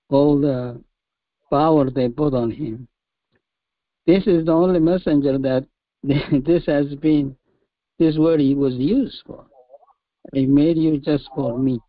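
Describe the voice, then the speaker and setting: A man in a study group sharing a comment in slow, halting speech, repeating words as he goes. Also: mid-range voice, fairly even intonation, no room sound, narrow, tinny audio. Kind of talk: casual discussion comment.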